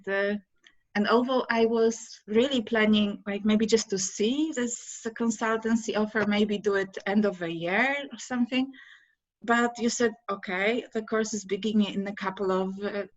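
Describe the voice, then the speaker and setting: Over dull, lo-fi video call audio, a middle-aged woman from Poland takes interview questions from her home room. English is her second language, and her Polish-accented, mid-range voice stumbles along with plenty of fillers. She's a course graduate appearing as a guest in a relaxed interview conversation.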